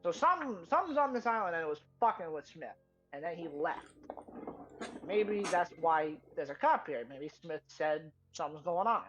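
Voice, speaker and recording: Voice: medium pitch, lively intonation, moderate pace, fairly bright tone, dull audio, soft background music. A tabletop role-play player thinking aloud, rambling through theories in character.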